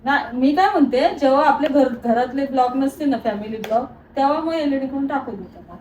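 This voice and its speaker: A middle-aged woman argues defensively in insistent, quick bursts, and her voice sits high for a woman. She is picked up from off the mic in an echoey home kitchen. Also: darkish tone, muffled recording. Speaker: mother with a cooking channel. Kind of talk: casual family argument. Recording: roomy, distant, noisy home recording.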